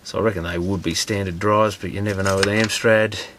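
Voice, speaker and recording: A repair host pulls a computer apart indoors at his bench, musing aloud and qualifying his guesses. He speaks fairly quickly in a voice on the low side, steady and fairly bright, with slight background noise.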